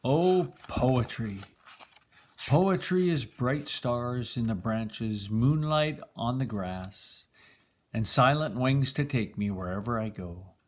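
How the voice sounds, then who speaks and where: An older man voicing a gentle, thoughtful female owl from a picture book, speaking in a dreamy, poetic manner. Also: medium pitch, expressive, takes it slowly. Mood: gentle, musing.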